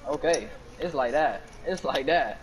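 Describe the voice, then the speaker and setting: Dude yelling plays at his teammates and trash-talking, swears a lot, voice jumps all over. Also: a little high, lively intonation, a little slow, faint music behind. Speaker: gamer playing online basketball with friends. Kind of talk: casual gaming chat.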